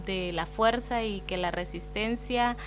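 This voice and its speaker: A woman's voice: mid-range voice, measured pace, slight background noise. A woman with an Argentine Spanish accent co-hosting a community radio show, sending earnest greetings with fillers. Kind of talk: casual radio talk.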